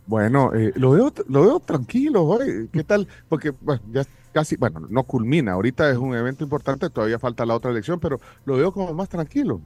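A man's voice: mid-range voice, fairly quick, hardly any pauses, no room sound. A man hosting a live talk show, chatty and joking, with frequent restarts. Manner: lively, chatty, joking, stammering. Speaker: TV show host. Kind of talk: casual live interview. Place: hotel, indoors.

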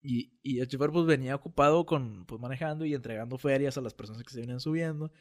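A man's voice: mid-range voice, fast talker. A man with a northern Mexican accent from Monterrey, hosting a casual podcast and telling a story with frequent laughter. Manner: animated storyteller, laughs often. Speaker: podcast host.

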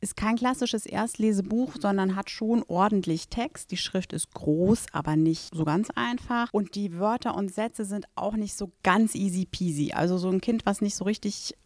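A woman in casual chat, calmly explaining a children's book series. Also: mid-range voice, normal speed, hardly any pauses, no room sound, studio quality. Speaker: book reviewer.

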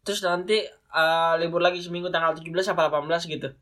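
A man's voice: fairly high pitch, steady tone, quick pace, fairly bright tone. A man in his twenties with a Jakarta accent co-hosts a casual podcast, bantering in Jakarta slang peppered with tag questions. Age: 20s. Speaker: podcast co-host.

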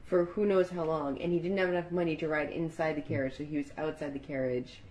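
A woman's voice: sits low, steady tone, fast talker, a little mellow, rough recording. A woman co-hosting a podcast in casual chat, amused and explaining things. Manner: amused, explains, reads aloud. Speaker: podcast co-host.

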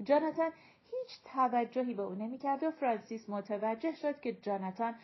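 A woman narrating a storybook in a steady, even literary reading. Her voice sits a little on the high side, and the recording sounds slightly dull and lo-fi. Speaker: audiobook narrator.

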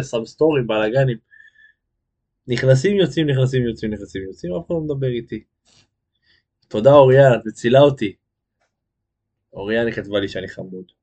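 A man's voice: medium pitch, a little mellow. A young man chatting casually on a live stream, rambling with lots of fillers and restarts as he reads out viewer comments. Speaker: page admin hosting a live stream.

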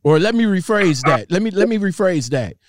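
A man's voice: sits high, big pitch swings, dry recording, studio quality. A man interviewing casually in slangy speech, often repeating his phrases as he gropes for the question. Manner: halting, repeats phrases over and over.

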